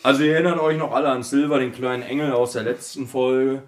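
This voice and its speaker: A man's voice: mid-range voice, level tone, quick pace. A man co-hosting a podcast, chatting and then reading a Christmas story aloud while slightly tipsy, laughing and stumbling now and then. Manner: chatty, laughing, reads with small slips. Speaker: podcast co-host.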